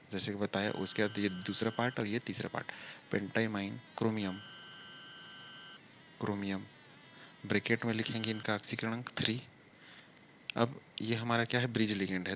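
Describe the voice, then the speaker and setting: With a fairly low, somewhat bright voice and a touch of hiss or hum behind him, a man explains chemistry on the blackboard one step at a time. He draws his words out slowly as he writes, putting questions to the class and then answering them.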